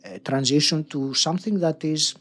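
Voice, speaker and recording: A man's voice: fairly high pitch, normal speed, a bit bright. Man in his fifties, reflective. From Greece. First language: Greek. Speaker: podcast guest, coach. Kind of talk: interview answers.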